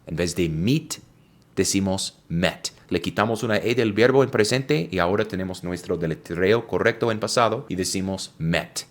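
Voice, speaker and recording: A young American man teaching in Spanish, repeating examples slowly and spelling words out letter by letter. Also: deep voice. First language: English. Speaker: English teacher. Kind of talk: slow, clear language lesson.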